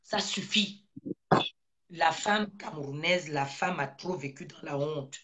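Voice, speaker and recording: Une femme originaire du Gabon qui prononce un discours politique passionné, martèle ses phrases et enchaîne les questions rhétoriques. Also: female voice, sits low, a little slow, a bit bright. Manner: emphatic, repeats phrases, rhetorical questions. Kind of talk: impassioned political speech.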